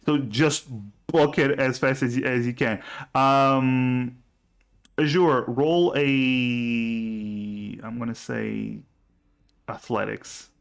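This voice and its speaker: A man with a mid-range voice runs a tabletop role-playing game. He narrates and referees as game master, haltingly, often doubling back to repeat himself. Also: medium pitch, fairly even intonation, vocal fry.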